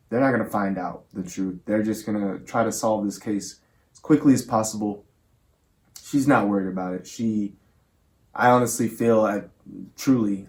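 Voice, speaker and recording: With a somewhat low, gently mellow voice, this man leads a spirit box session in earnest. His language toward the audience and the spirits is warm and reverent.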